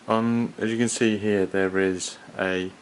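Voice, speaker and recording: A man giving an unscripted hands-on product review in a hesitant, halting, rambling manner. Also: lowish voice, fairly even intonation. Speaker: gas mask collector and reviewer. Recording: clearly audible background noise.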